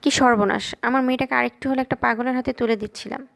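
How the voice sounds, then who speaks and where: A woman's voice: fairly high pitch, steady tone, fast talker, gravelly, fairly bright tone. A woman reading the lines of an agitated, scolding middle-aged father in an audiobook. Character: worried middle-aged father, indignant and protective.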